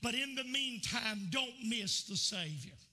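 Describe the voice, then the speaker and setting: A male pastor delivers a sermon in a church, speaking in a conversational way and asking his listeners questions. His voice sits high and sounds very bright and sharp. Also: lively intonation, a little slow. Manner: conversational preacher, asks the congregation questions.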